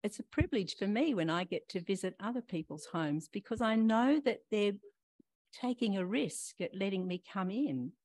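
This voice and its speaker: An older woman preaching a gentle, reflective sermon, talking straight to her listeners and asking them questions. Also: mid-range voice, no echo. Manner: warm questioning, talks to listeners directly.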